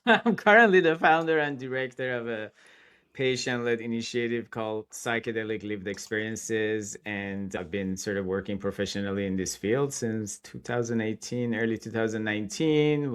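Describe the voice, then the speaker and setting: A man in his forties with a fairly low voice, chatting as a podcast guest. He speaks in an animated, talkative way, often laughing between thoughts. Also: clean tone. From Iran. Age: 40s. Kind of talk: casual interview talk.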